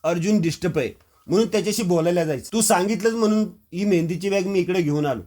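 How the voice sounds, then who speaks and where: A man's voice: high voice, quick pace, warm tone, close to an everyday voice. A man reading the lines of an exasperated young male friend in a TV serial recap.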